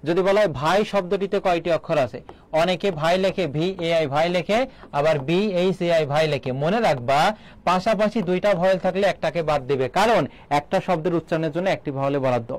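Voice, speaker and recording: A man's voice: sits high, no room sound, poor audio. A male teacher giving an online admission-prep lecture. He asks the students rhetorical questions, answers them himself, and mixes English words into his explanations.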